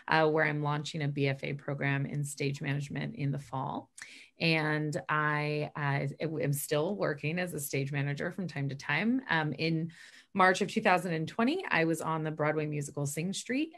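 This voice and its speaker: A stage manager and professor in her late thirties chats about her work as a guest in a casual video-call interview, upbeat and rambling with fillers and asides. Her voice is low for a woman and a bit bright. The audio comes from a laptop webcam mic in a small bedroom.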